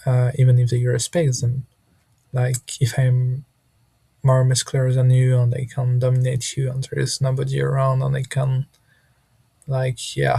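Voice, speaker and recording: Halting man with a gravelly voice. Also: medium pitch, mellow, no room sound. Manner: hesitant, searching for words with many restarts. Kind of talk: casual spoken monologue.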